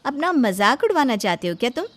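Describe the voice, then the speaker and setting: A proud young woman officer talks down to her family, cool and dismissive, as a woman storyteller puts her on. Her voice is fairly high and clipped with self-importance. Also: big pitch swings, fairly quick, slight background noise. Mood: haughty. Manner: haughty, dismissive. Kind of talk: Hindi storybook voice acting.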